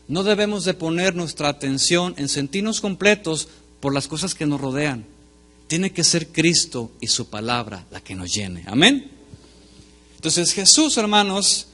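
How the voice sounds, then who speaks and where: Emphatic male pastor preaching. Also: on the high side. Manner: emphatic preaching that swings between loud and soft; speaks directly to the congregation. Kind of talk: sermon.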